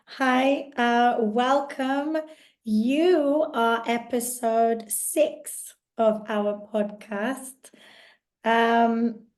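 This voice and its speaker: Her pitch sits fairly high with a slightly mellow quality. This podcast host keeps the interview casual and chatty, friendly but rambling and prone to restarts, and her voice remains worn from an illness she's still recovering from.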